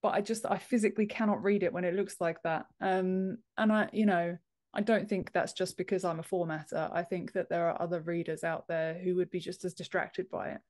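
Speaking fairly quickly with a steady tone, this woman has a fairly low, slightly mellow voice. She's in her thirties, an author and book formatter appearing as a podcast guest, explaining things informally and emphatically over a video call from her home office on an earphone headset.

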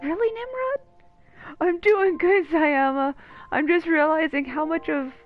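A woman streams a video game, offering casual, joking live commentary as she plays. Her voice sits high and she speaks slowly, with phone-quality sound from a stream mic over game music.

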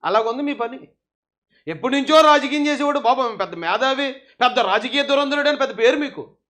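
A man with a very high voice delivers heated political commentary. He mocks and scolds his targets with biting sarcasm, taunting them over and over. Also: fairly quick, bright, forceful tone.

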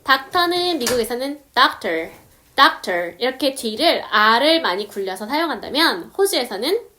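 A woman explaining English words step by step, saying example sentences slowly. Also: high-pitched, animated, bright, forceful tone, a little hiss or hum. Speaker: English teacher. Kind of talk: casual video lesson.

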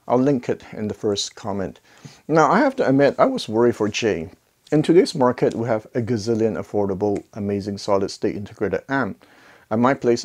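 Wearing a clip-on lapel mic in his home listening room, a middle-aged video host reviews audio gear casually to camera. His medium-pitched voice is a little mellow, and he keeps things conversational with jokes on the side and rhetorical questions.

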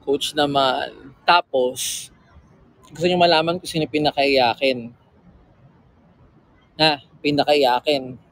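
A man's voice: fairly high pitch, fairly even intonation, slow, long pauses, a bit bright, no echo, low-quality recording. A man chatting casually with fans on a livestream, teasing and reading their comments aloud, with a slightly sore throat. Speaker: livestream host.

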